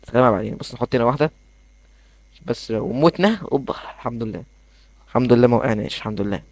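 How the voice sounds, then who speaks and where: A young man with an Egyptian accent giving excitable, rambling commentary as he plays a game in his bedroom. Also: medium pitch, dry recording. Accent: Egyptian Arabic. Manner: excitable, rambling, quick asides. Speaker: gaming YouTuber. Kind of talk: casual gameplay commentary.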